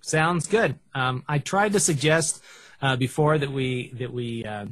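A man co-hosting a casual music review show, talking in an animated, joking way into a headset mic. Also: medium pitch, measured pace. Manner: animated, joking, breaks into song snippets and shouts. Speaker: podcast co-host reviewing music. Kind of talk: casual chat.

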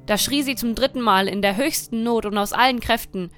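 A woman reads a dark fairy tale in a measured, dramatic way. Her voice sits fairly high, and soft music plays quietly under the narration. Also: smooth. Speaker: storyteller.

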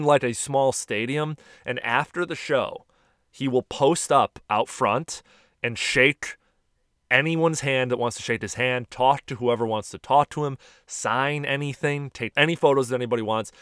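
A man in his thirties hosting a podcast, an animated storyteller who swears casually. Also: mid-range voice, clean tone, no echo, clean studio sound. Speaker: podcast host and stand-up comic. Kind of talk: casual chat.

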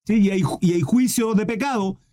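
Male preacher, fairly high voice with a warm, dark tone, rhetorical sermon delivery. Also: brisk. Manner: addresses listeners as brothers, asks rhetorical questions.

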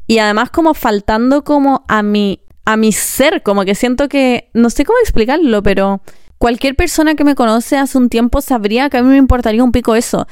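Expressive Chilean woman ranting casually. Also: on the high side, clean tone, no echo, clean studio sound. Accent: Chilean Spanish. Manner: expressive, swears often, quick bursts and pauses. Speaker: vlogger. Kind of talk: casual vlog rant.

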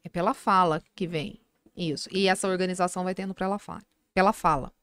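A middle-aged woman, a psychologist guest on a podcast, telling an anecdote in a lively, casual way. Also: on the low side, fairly quick. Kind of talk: casual storytelling in a podcast interview.

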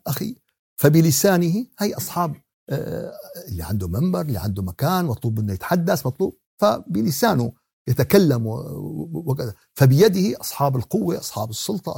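Male preacher, Syrian Arabic accent. Mellow, husky voice; didactic yet conversational Quran teaching, with rhetorical questions and repeated key words. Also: a little high, no room sound, studio quality. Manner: conversational, with everyday examples and acted exchanges. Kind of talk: religious lesson on Quran exegesis, mixing classical recitation with colloquial talk.

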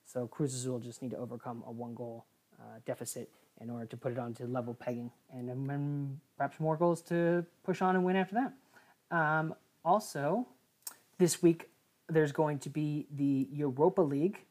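A woman co-hosting a casual sports podcast, rambling through a news roundup with frequent filler pauses and self-corrections. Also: very deep voice, fairly even intonation, a little mellow. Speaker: podcast co-host.

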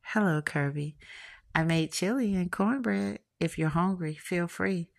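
A woman's voice: on the low side, measured pace, vocal fry, voice pushed up. A woman voicing a rich, seductive, bratty female customer who teases in a raised voice. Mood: seductive, teasing. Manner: seductive, teasing.

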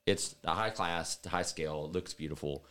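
Very deep-voiced man telling stories. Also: normal speed, clean tone. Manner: animated storyteller, laughs often. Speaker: podcast co-host. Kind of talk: casual chat.

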